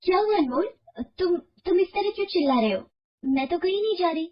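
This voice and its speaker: A woman voicing a loving, devoted young wife who speaks earnestly in an animated storybook. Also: very high voice, fairly quick, lo-fi sound, voice pushed up. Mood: alarmed. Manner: earnest, pleading.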